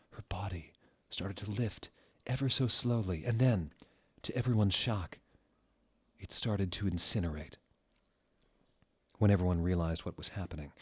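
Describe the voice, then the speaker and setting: A dramatic reader with a low, slightly breathy voice reads a story aloud in a mock-dramatic style, deliberately staged. He swings from dry, deadpan delivery to sudden theatrical outbursts.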